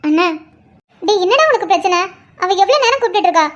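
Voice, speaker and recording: A woman's voice: very high-pitched, lively intonation, fast. A woman voicing a tearful young bride who pleads and says a tender goodbye to her brother in a cartoon. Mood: pleading. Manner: pleading, affectionate. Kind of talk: Tamil cartoon voice acting.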